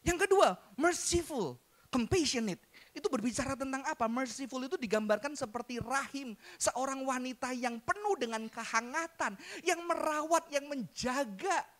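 A man preaching a sermon to his congregation, animated and joking, mixing in English phrases. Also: very high voice, moderate pace. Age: adult, father. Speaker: pastor.

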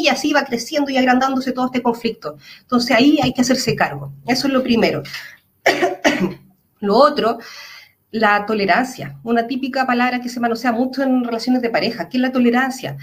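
A psychologist with a Chilean Spanish accent explains things earnestly during an interview, drawing on everyday examples. Her voice is high-pitched and a little fast.

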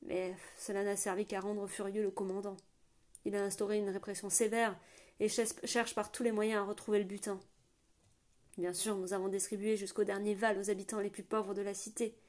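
A woman's voice: medium pitch, little pitch movement, brisk, darkish tone, natural voice. A woman voicing a hearty, bearded rebel prince, an older man who speaks grandly and rousingly. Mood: solemn, rousing.

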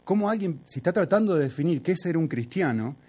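A man's voice: a little high, animated, darkish tone, slightly rough. Conversational man preaching. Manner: conversational, reflective, with filler pauses. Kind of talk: sermon with storytelling.

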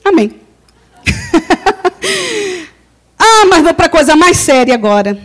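A Brazilian woman giving a testimony sermon to a congregation, telling her story with lively acted-out dialogue and frequent laughter. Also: very high-pitched, takes it slowly. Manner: animated storytelling, acts out dialogue, laughs often. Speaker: lay preacher.

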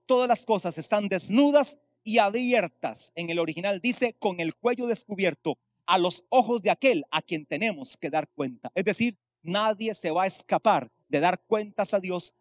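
A man's voice: high voice, no room sound, clean studio sound. A male pastor preaching a sermon, explaining Greek words and asking rhetorical questions.

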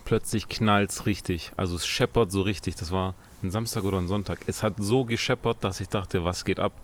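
A man's voice: deep voice, brisk, a little hiss or hum. A young man in casual conversation, telling a story and quoting his parents' lines back and forth. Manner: animated anecdote, quotes his parents in dialogue. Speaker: podcast co-host.

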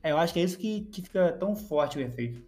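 A man's voice: fairly high pitch, animated, fast talker, a little mellow, soft background music. A young man co-hosting a casual podcast, bantering playfully and telling anecdotes. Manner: playful, mock-indignant banter. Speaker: podcast co-host. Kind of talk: casual chat.

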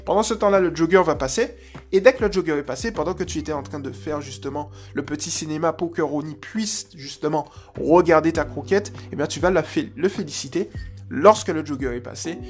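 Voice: medium pitch, brisk, faint music behind. A dog trainer giving a client casual, chatty advice, with many fillers and restarts. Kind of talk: casual spoken coaching advice.

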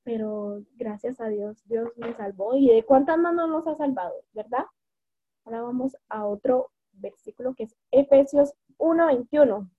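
A woman's voice: fairly high pitch, moderate pace, husky, dry recording. A woman giving an informal devotional talk with personal stories, rambling and correcting herself as she goes. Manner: rambling, with many fillers and self-corrections. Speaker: lay preacher. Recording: tinny phone-like recording.

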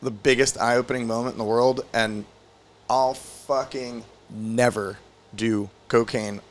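A young man recounts a story on a casual podcast, his voice sitting in an ordinary middle pitch. He rambles, swears a lot and leans on "like" constantly. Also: fairly even intonation, a little slow. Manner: rambling, profane, lots of "like". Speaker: podcast host.

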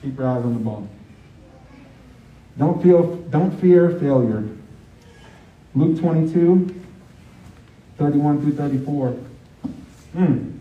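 A man's voice: a little high, takes it slowly, long pauses. A man preaching a sermon with energy, reading scripture aloud and mixing in sports talk. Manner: energetic, uses football metaphors, reads scripture aloud. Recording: roomy, distant, dull mic sound.

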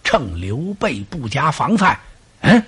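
A man performing a traditional story with animated, dramatic narration and vivid sound effects. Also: medium pitch, measured pace, gravelly, husky.

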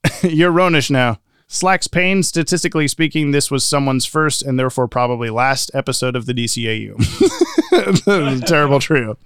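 Sex: male. Role: podcast co-host. Style: casual, playful chat, reading out comments. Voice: smooth and resonant, medium pitch. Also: moderate pace, a bit bright, dry recording. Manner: playful, laughs often.

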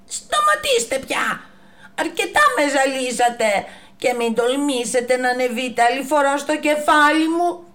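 Woman doing a shrill bossy giraffe lady. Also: animated, far from the mic. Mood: angry. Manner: scolding, shrill and loud. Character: tall haughty female giraffe, stern and bossy.

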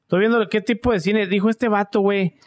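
A man's voice: sits high, fairly even intonation, fairly quick. A young Mexican man co-hosting a podcast, telling jokes in slangy casual chat and tacking "güey" onto nearly every phrase. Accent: Mexican Spanish. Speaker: podcast co-host.

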